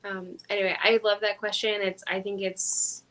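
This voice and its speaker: A woman co-hosting a casual livestream from home, talking in an earnest, measured, thoughtful way. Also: mid-range voice, level tone, a bit bright, rough recording. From lives in Florida. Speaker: channel co-host.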